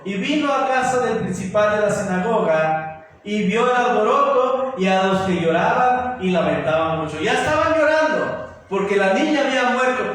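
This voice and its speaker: A man's voice: very high voice, fairly bright tone. A man preaching a sermon as pastor, emphatic and repetitive, often asking the congregation rhetorical questions. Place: church sanctuary. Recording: very echoey church hall from far off.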